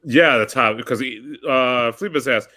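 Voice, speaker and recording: Chatting casually in a group, a man muses reflectively and keeps turning his thoughts into probing questions. His voice is bright and sharp, medium in pitch, and a little slow.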